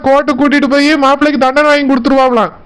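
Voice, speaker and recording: A man's voice: extremely high pitch, level tone, very fast, a bit bright. Man voicing a hot-tempered protective brother. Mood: gruff. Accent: Tirunelveli Tamil. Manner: blustering, threatening.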